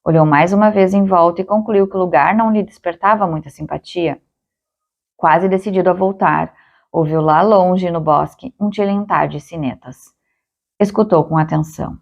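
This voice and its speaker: A woman narrating a children's audiobook in a calm, measured storytelling manner. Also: fairly low pitch, creaky. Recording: dull lo-fi recording.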